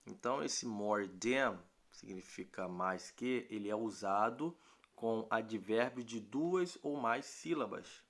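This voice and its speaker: A middle-aged Brazilian man teaching an English grammar lesson in Portuguese, patient, repeating points and often checking with a quick question. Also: lowish voice, a bit bright. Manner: slows down to spell out English terms. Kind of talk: recorded online grammar lesson.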